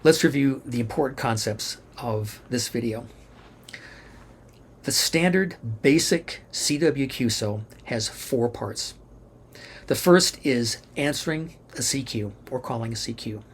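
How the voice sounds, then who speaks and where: Speaking a little slowly in a medium-pitched voice over a faint hiss or hum, an instructor and presenter walks through a tutorial. He goes step by step methodically and spells letters out individually.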